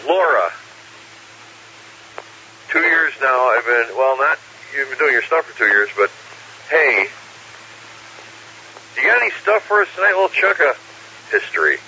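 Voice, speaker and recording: Acting as net control, a man casually hosts an amateur radio net in a folksy, joking way. His mid-range voice is expressive and sharp-toned, a little slow with long pauses, and the transmission comes through hissy and muffled with static.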